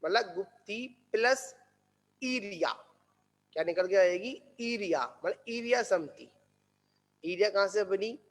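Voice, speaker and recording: A man giving a religious discourse who asks the listeners questions and answers them himself, repeating key words slowly. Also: high voice, expressive. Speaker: Jain monk teacher. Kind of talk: scriptural discourse. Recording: echoey hall.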